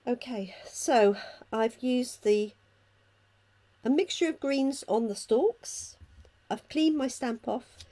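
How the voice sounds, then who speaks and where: Croaky, hoarse woman with a mellow tone. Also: on the high side, takes it slowly. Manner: chatty, talking through each step while working. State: hoarse from illness. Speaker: craft demonstrator hosting a live stream. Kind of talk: casual live craft tutorial. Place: at a craft table indoors.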